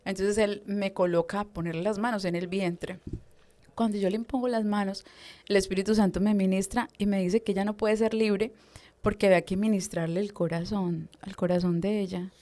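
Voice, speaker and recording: A woman giving a personal testimony in an interview. She tells her story with lively storytelling and acts out the voices of others. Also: medium pitch, normal speed. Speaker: deliverance minister giving testimony.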